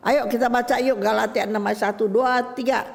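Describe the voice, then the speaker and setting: A woman preaching, slipping into casual slang as she teaches. Her voice has a gravelly fry at the edges, and she swings from high, emphatic lines to low, quiet ones. A long reverb hangs behind her, as in a large hall. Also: steady tone, fairly quick. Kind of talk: sermon teaching.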